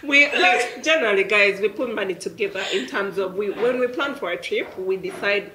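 A chatty woman talks with a lively, swinging pitch and frequent laughter. The room is roomy, and other voices chatter around her. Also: normal speed. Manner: talkative, animated, laughs a lot. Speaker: guest, group spokesperson.

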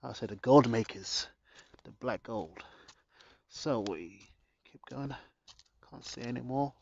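A man giving a casual how-to narration in his garden, relaxed and chatty with jokey asides, recorded on a handheld phone. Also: mid-range voice, slow pace, gravelly, husky, highs cut off. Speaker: gardening vlogger. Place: home garden, outdoors.

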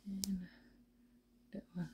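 A woman chatting casually as she shows off her home basement, halting and often searching for words. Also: mid-range voice, monotone, noisy background. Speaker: vlogger. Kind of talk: casual home tour chat.

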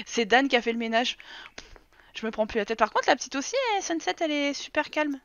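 A woman's voice: high-pitched, expressive, fairly quick, a bit bright, a little hiss or hum. A young woman with a French accent, live-streaming a life-sim game and chatting casually with her viewers, teasing the game characters as she plays.

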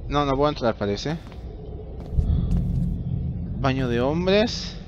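A man's voice: mid-range voice, animated, takes it slowly, lo-fi sound, background noise. A young man with a Chilean accent giving nervous, jumpy commentary while playing a horror game. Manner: jumpy, nervous, talks to himself. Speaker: gamer.

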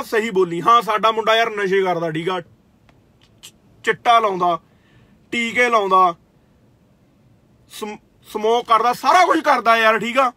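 Brief: young Indian Punjabi man, kabaddi player, confrontational scolding rant, very high, sharp bright voice. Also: dry recording. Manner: confrontational, scolding, swears, repeats "theek aa". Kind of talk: angry direct-to-camera rant.

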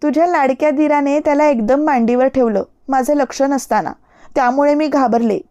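A woman's voice: high-pitched, moderate pace, dark tone, lightly acted. A woman voicing a shy young woman who scares easily, speaking in a pleading, girlish way in an audiobook story. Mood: plaintive. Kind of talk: audiobook character reading.

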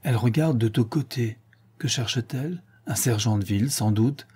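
A man reading a literary audiobook aloud, with expressive narration that lifts when he voices the characters. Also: mid-range voice, moderate pace, slightly rough. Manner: expressive reading, lifting his voice for quoted characters. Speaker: audiobook reader.

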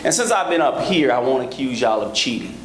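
A man in his thirties preaching a sermon from a church pulpit on a handheld microphone, rhythmic, rising to emphatic high peaks, with joking asides to the congregation. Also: very animated, brisk. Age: 30s. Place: large church sanctuary, at a pulpit. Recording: echoey church hall with background noise.

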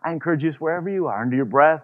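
A man's voice: on the high side, rapid-fire, narrow, tinny audio. A man preaching a sermon as pastor, in an easygoing, conversational way, full of "you know" asides.

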